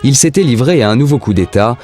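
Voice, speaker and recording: A man's voice: mid-range voice, expressive, fast talker, a little mellow, faint music behind. A man reading scripted narration for a historical documentary.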